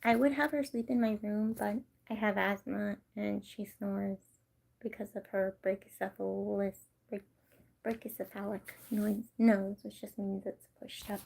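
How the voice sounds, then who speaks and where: A young woman from California hosts a casual livestream, talking to her viewers in a soft-spoken way that often drops into a whisper. Her voice is mellow and dark with a gravelly fry, and she takes her time. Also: mid-range voice, steady tone, measured pace, slight background noise. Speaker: livestream host.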